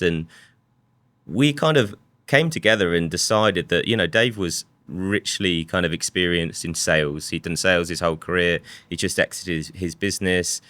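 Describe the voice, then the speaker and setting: A man's voice: deep voice, bright, forceful tone, clear, resonant tone, dry recording. A man, a company co-founder, telling his story in a casual, reflective interview with frequent restarts. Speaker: guest, software company co-founder.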